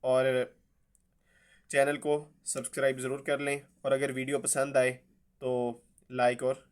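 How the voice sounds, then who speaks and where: A man teaching Quran recitation, spelling each letter and vowel mark aloud before reciting the words slowly and drawn out. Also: mid-range voice, completely flat delivery, smooth. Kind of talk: slow spelled-out tajweed lesson.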